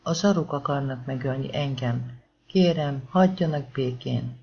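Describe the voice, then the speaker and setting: A terrified twelve-year-old boy on the run, begging and crying out desperately, as a male audiobook reader puts him on. The voice rises a little above the reader's usual pitch. The recording is slightly dull and lo-fi. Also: vocal fry, slightly rough. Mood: pleading. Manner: pleading, desperate cries. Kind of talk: audiobook character voice.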